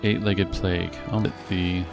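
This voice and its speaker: A man with a very low voice and a rough, gravelly fry narrates his video game session in casual commentary. He reads menus and dialogue aloud and thinks through each choice as he goes. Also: little pitch movement, normal speed, over music. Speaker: let's play host.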